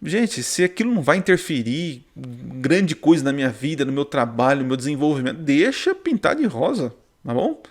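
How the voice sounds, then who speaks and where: A man's voice: medium pitch, brisk, hardly any pauses. A married man with a Brazilian Portuguese accent teaching a casual online Bible study, often tagging his sentences with "né?" and "tá?". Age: adult, married. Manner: chatty, peppers speech with "né?" and "tá?". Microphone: sharing screen on a video call.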